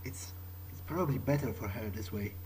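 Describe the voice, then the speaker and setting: The voice is fairly low and darkish, a little fast, captured in poor audio with a little hiss or hum. A let's player improvises a video game monologue as a brooding young vampire full of guilt, hesitant and prone to repeating words, over game ambience.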